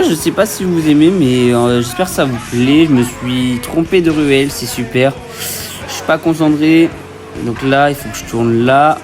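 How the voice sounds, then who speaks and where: A young man giving casual, joking gameplay commentary with street slang and talking straight to his viewers. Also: mid-range voice. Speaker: gaming video creator. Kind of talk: let's play gameplay commentary.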